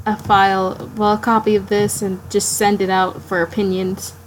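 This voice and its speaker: A woman's voice: medium pitch, little pitch movement, poor audio. Woman streamer, tired late-night ramble, mid-range voice, faint hiss behind. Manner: rambling, halting, talks to herself while drawing. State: sleepy, yawning late at night. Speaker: art streamer. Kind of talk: casual live-stream self-talk.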